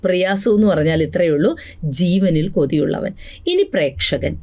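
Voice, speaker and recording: A young woman with a lower voice teaches an exam revision class. She draws out each vocabulary word slowly for her students to repeat. Between drills she rattles off quick side remarks and speaks to her students as "children". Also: lively intonation, a little mellow. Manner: drills word lists slowly, then chats quickly with asides; addresses students fondly as children.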